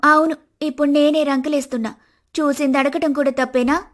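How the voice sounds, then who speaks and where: A woman voicing a proud, quick-tempered young daughter-in-law in an animated storybook, talking sharply and sarcastically in a raised voice. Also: high-pitched, lightly acted. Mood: sarcastic.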